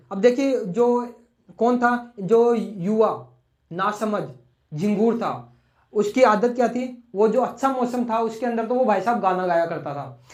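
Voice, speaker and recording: A man's voice: high voice, darkish tone, roomy sound. A man teaching a poem line by line, repeating each phrase and spelling out words as he explains. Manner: repeats and spells out words, slow for English lines.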